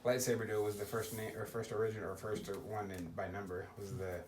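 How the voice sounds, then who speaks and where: A young man co-hosting a casual gaming chat, telling lively stories and laughing often. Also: lowish voice, brisk. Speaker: podcast co-host. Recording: roomy echo, faint noise.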